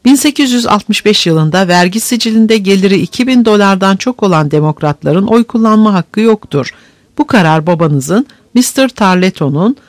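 A man's voice: sits high, no echo. A man reading the part of an earnest, bitter young farmhand in an audiobook, speaking grave and indignant.

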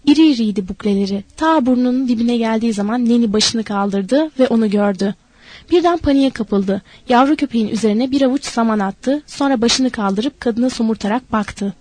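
A woman reading a novel aloud as the audiobook narrator, in a measured, expressive way. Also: fairly high pitch, a little hiss or hum.

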